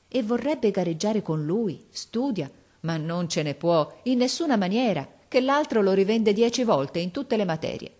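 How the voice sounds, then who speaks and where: A woman narrating an audiobook of a classic novel in an expressive, measured storytelling voice. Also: lowish voice.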